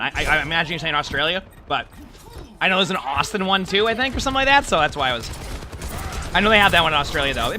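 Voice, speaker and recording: A man with a voice that sits high chats casually with his viewers while streaming a game, talking through a livestream headset mic against a noisy background. He rambles a lot, full of fillers and restarts.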